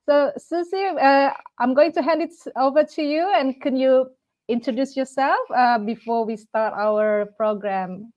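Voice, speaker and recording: A woman in her forties, originally from Indonesia, hosts a live-streamed talk show in a fairly high voice. She talks with frequent hesitant fillers and restarts, and the stream audio sounds dull and lo-fi. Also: unhurried. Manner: hesitant, many fillers, speaks as a second-language speaker. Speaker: host of live talk program.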